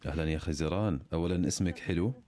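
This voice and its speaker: A man's voice: low-pitched, very fast, dark tone. A man co-hosting a radio show in a casual, bantering style. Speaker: radio co-host.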